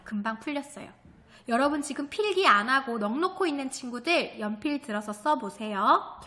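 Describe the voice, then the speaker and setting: Bright-voiced woman teaching a reading lesson. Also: high-pitched. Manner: patient, asks the class questions and answers them. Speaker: elementary school teacher. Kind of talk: online video lesson, reading aloud and explaining.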